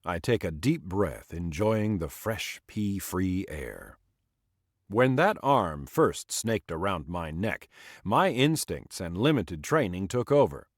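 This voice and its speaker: A man reads a survival audiobook in scripted narration. His low voice rises and falls expressively as he shifts slightly for each character. The sound is dry and close. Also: sing-song, takes it slowly, no echo. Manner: reads dialogue with small voice shifts per character.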